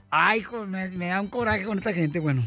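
A man's voice: high-pitched, normal speed, pushed and bright, soft background music. A man hosting a radio show, joking and teasing his co-hosts. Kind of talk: morning radio banter.

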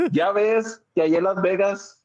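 A man spins a family anecdote for a radio chat show. His voice sits high for a man, and he laughs often while acting out every quote with lively energy. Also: slow. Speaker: radio co-host. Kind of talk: casual storytelling chat.

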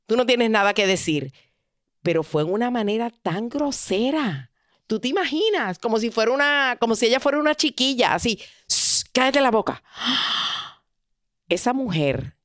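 A woman tells an everyday story to make a point about relationships. She talks animatedly and slips into the voices of the people she quotes. Her voice sits at a middle pitch and sounds dry and close. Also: no echo. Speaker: relationship advice speaker. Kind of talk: storytelling advice talk.

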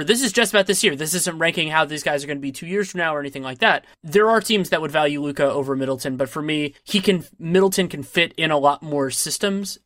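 A man's voice: fairly high pitch, sharp tone, no echo, clean studio sound. A man co-hosting a sports podcast, giving emphatic, opinionated analysis in a conversational style.

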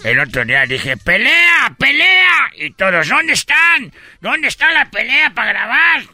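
A man on a radio comedy show voicing a goofy male foreign barbecue vendor who mangles his Spanish and tells deadpan absurd jokes. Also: mid-range voice, a little slow, no echo, exaggerated voice. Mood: joking.

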